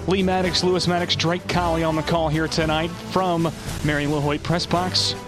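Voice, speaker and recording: A man's voice: fairly high pitch, level tone, moderate pace, over music. A man hosting live football halftime commentary from a stadium press box. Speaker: play-by-play sports host.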